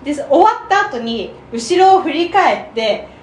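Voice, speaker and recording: A woman with a high, lively voice chats casually as a podcast co-host. She sounds giggly and amused as she talks, in a roomy, echoing space with faint noise. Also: unhurried. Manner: giggly, laughs while talking. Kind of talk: casual chat.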